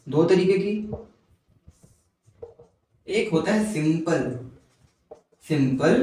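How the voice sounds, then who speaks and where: A male teacher giving a classroom lecture, dictating definitions word by word and often asking students if it is clear. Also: fairly high pitch, distant mic. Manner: keeps checking in with students. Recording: very echoey room, voice from off-mic.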